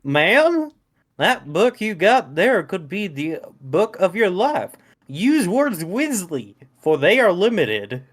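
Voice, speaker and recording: A man playing an old pony shopkeeper who speaks in slow, cryptic warnings. The voice sits high and wanders across a wide range. It is an old man voice put on for a podcast fan-fiction reading. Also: very animated, full character voice. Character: elderly male pony shopkeeper, mysterious. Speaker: podcast co-host reading a part.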